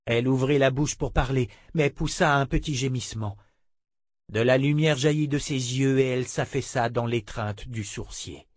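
A man narrating a fantasy audiobook in a steady, measured voice. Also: mid-range voice, no room sound, clean studio sound. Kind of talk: scripted narration.

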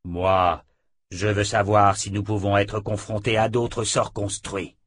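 A ruthless emperor lays down the law, curt and commanding, as a man reading the book voices him. He speaks slowly and a little lower than the narration, and the recording is dry and close. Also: flat delivery, a bit bright, husky, no room sound. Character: ruthless warlord emperor, blunt and harsh.

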